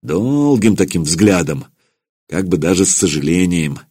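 A man narrating an audiobook historical tale in a dramatic, expressive storytelling manner. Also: low voice, unhurried, slightly rough, no echo, studio quality.

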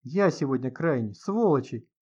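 A man reading an audiobook, voicing a bitter, cornered young man who talks in a shrill, spiteful way. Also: animated, normal speed, dark tone, husky, dull audio.

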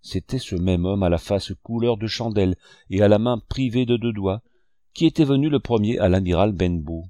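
A man narrating an audiobook in a steady, measured storytelling manner. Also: lowish voice, no echo, clean studio sound. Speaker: audiobook reader. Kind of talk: scripted narration.

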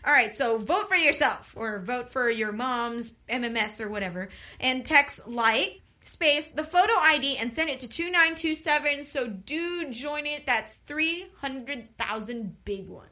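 A young woman from Cebu hosts a radio show in a loose, animated chat full of "like" and "you know." Her voice sits a bit high with a bright, forward tone. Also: unhurried. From Cebu, Philippines. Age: 20s. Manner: chatty, animated, full of fillers. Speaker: radio DJ host.

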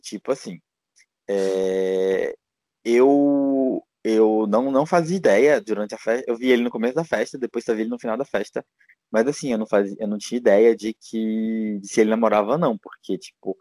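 A man's voice: fairly low pitch, a little fast, darkish tone, no room sound. A Brazilian man, a guest in a casual interview, talking in a rambling way with many fillers and restarts. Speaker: guest, teacher living abroad.

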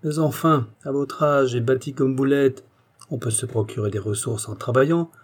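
A man's voice: medium pitch, normal speed, close to an everyday voice. A man doing a sour, curt tax collector. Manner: curt and sharp.

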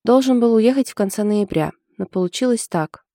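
Woman doing lovesick anxious young woman, hesitant and confiding, mellow dark tone, dry close sound. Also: on the high side, animated, brisk, no echo, voice pushed up.

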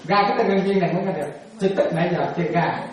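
A man's voice: high-pitched, steady tone, rapid-fire, very echoey, distant mic, poor audio. A man, a monk, gives a dharma talk and keeps asking his listeners questions, teasing them and laughing often. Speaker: monk teaching.

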